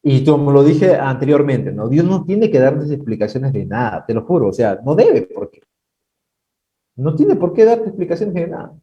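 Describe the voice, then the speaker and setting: Male preacher, 30s, warm dark voice, heard from a distance, plays out the dialogue himself. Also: big pitch swings, moderate pace, dull audio. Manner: acts out dialogue with God in high mocking voices. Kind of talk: sermon at a prayer night.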